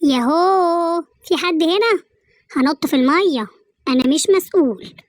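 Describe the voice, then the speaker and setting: A woman's voice: very high voice, expressive, normal speed. A woman voicing a cheeky, bossy female pet in an Egyptian accent, in a comic animal dub, chatty and teasing. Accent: Egyptian Arabic. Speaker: voice dubber.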